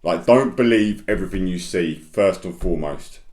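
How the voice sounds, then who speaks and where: A man's voice: low-pitched, moderate pace, a little mellow, roomy sound. A man coaching construction business owners in a blunt, straight-talking monologue, swearing often and hammering points through repetition.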